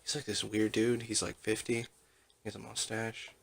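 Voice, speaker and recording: A man's voice: fairly low pitch, monotone, normal speed, creaky, a little hiss or hum. A young man co-hosting a podcast, telling rambling stories in casual chat and laughing at himself. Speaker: podcast co-host.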